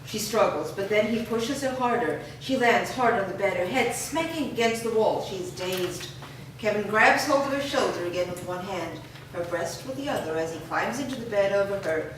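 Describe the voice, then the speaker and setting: This staged reading has a woman steadily voicing a screenplay's scene directions in a matter-of-fact way. Her mid-range voice is animated at a moderate pace, with a little hiss or hum. The recording is distant and echoey.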